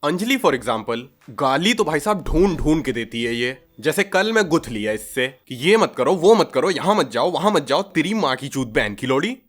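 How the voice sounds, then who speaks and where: A young man delivers a comic monologue in a sarcastic, crude way and swears freely. He slips into friends' voices as he tells the jokes, and his pitch sits a little high and swings widely. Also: very animated, normal speed, hardly any pauses. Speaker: stand-up comedian.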